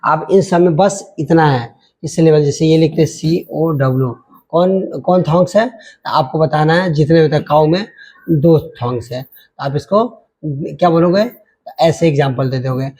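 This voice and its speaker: Man teaching grammar, mellow tone. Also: fairly high pitch, normal speed, husky. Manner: spells words letter by letter, repeats "ठीक है" often. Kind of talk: online grammar lesson.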